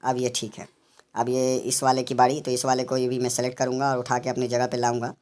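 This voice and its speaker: A man narrates a tutorial on animation software, explaining every step as he works and often calling the viewers his friends. His voice is medium in pitch, monotone, and fairly quick.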